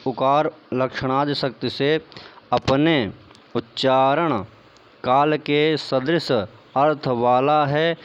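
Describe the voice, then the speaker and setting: A man's voice: medium pitch, smooth, dull audio. A man teaching Sanskrit grammar in an online lecture. He explains step by step, asks questions and answers them himself. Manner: explanatory, repeats points as questions to the viewer, addresses them as friends.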